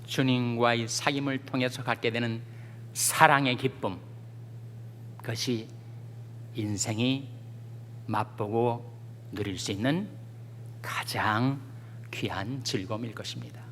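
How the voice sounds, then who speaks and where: A man's voice: mid-range voice, steady tone, takes it slowly, pauses often, a bit bright, a little hiss or hum. Guy preaching a sermon, jokey stories then fired up scripture reading, big echoey church. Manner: folksy storytelling with jokes, rising to fervent scripture reading. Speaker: pastor. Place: church sanctuary. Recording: long church reverb.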